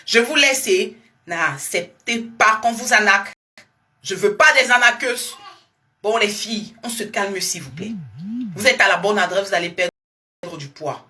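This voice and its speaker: A young woman, a weight-loss coach chatting live to her followers in a lively, repetitive, coaxing way. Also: medium pitch, a little slow. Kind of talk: casual live-stream talk to followers.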